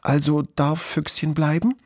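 Guy doing a little schoolgirl from a kids' story, begging sweetly, high and husky. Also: huge pitch swings, moderate pace, darkish tone, no room sound, clean studio sound, heavily acted. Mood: pleading. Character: eager little schoolgirl, pleading and proud.

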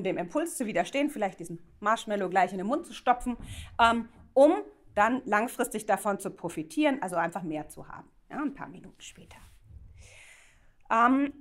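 Woman lecturer, university lecture, explanatory, rhetorical questions, frequent tag questions. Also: fairly high pitch. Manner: many "ja?" check-ins and "ähm" fillers.

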